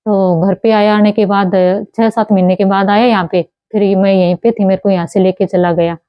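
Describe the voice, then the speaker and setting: हरियाणवी लहजे वाली युवती, रुक-रुककर बोलती. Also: female voice, mid-range voice, steady tone, no room sound, muffled recording. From Haryana. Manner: halting, with many restarts and cut-off words. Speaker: interviewee telling her story. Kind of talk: personal testimony.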